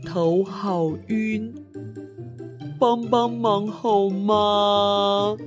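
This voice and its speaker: A woman voicing a sticky little snail pleading for help, slow and drawn-out, as if reading a story to a toddler. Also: medium pitch, steady tone, music in the background. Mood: pitiful, pleading.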